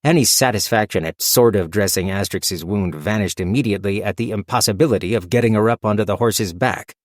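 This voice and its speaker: A male audiobook narrator with a low voice reads scripted narration in steady, measured storytelling. The recording is studio quality with no echo.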